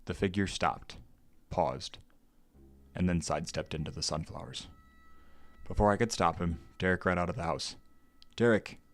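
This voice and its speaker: A man narrating a scripted horror story in a measured, steady way. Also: low-pitched, soft background music.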